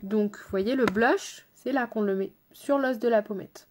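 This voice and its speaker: A woman's voice: on the high side, a little slow, slight background noise. Chatty woman makeup artist vlogging. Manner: chatty, addresses viewers directly; playful asides to someone off camera. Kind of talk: casual makeup tutorial.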